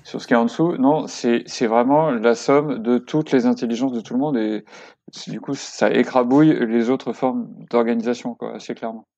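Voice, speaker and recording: Guy on a podcast, gravelly voice, lots of euhs, kinda muffled lo-fi sound. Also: mid-range voice, steady tone, moderate pace, a little mellow. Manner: hesitant, many fillers and restarts, enthusiastic. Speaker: podcast guest, workshop co-creator. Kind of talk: casual interview chat.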